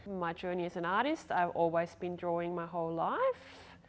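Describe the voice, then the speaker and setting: A woman's voice: fairly low pitch, lively intonation, moderate pace. A woman from Switzerland, an artist, talking casually and openly about her work. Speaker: visual artist. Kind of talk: interview monologue.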